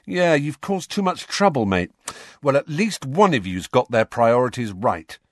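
A man's voice: mid-range voice, very animated, measured pace, no echo, studio quality, voice pushed up. A man voicing a cheeky, teasing teenage boy twin in an audiobook, talking in a mocking, chatty way. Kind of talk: audiobook character voice.

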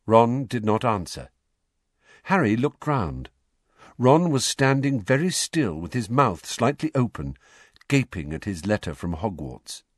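A man narrating an audiobook in a lively, animated storytelling manner. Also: on the low side, a little slow, dry recording, clean studio sound. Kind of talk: scripted narration.

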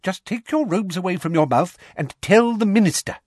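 A man voicing a smug female official in an audiobook, soft and condescending with a falsely kind manner. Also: fairly high pitch, wildly swooping pitch, moderate pace, no room sound, studio quality, voice pushed up. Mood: impatient, snappish. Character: silky, smug, sickly-sweet middle-aged female official.

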